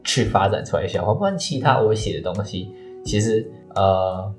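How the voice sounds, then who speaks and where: A man's voice: fairly low pitch, expressive, moderate pace, soft background music. A young man, chatting casually and explaining things at length with hesitant fillers. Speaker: podcast co-host, student. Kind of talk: casual chat.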